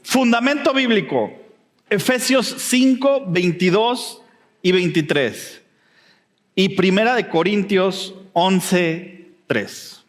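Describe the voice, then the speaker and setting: A Mexican woman preaches at an unhurried pace, earnest yet lightly humorous, often checking in with her listeners. Her voice carries a long reverb from the hall. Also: medium pitch. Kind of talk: sermon.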